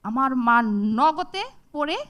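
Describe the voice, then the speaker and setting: A young woman speaks to an audience in a high, bright voice. She tells a personal story with energy and switches voices to play out the dialogue. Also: slow pace. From Bangladesh. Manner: animated, acts out dialogue with shifts in voice. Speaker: TEDx speaker. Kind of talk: storytelling talk.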